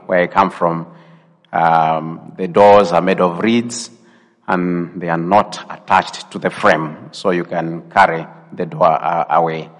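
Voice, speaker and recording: A man from Malawi with a Malawian accent, a visiting priest introducing himself to a congregation in a measured way. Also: deep voice. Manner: measured, with frequent um and uh. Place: church. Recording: long church reverb.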